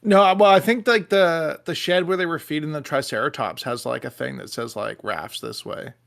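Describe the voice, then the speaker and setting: Podcast cohost guy, gravelly slightly high voice, gets worked up, swears a lot. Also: moderate pace. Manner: animated, swears freely, excitable. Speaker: podcast co-host. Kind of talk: casual chat.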